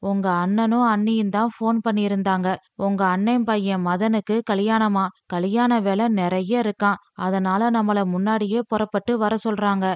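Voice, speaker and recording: Woman voicing a troubled gentle father. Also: mid-range voice, steady tone, normal speed, clear, resonant tone, no echo, lightly acted. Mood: explaining. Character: worried middle-aged father, gentle and reasoning.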